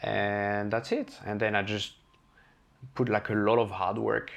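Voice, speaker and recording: A man's voice: fairly low pitch, measured pace, vocal fry. A man with a French accent, a chef guest on an interview podcast, talking candidly and acting out the voices in his stories. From France. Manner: candid, animated, acts out quoted lines. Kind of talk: casual storytelling interview.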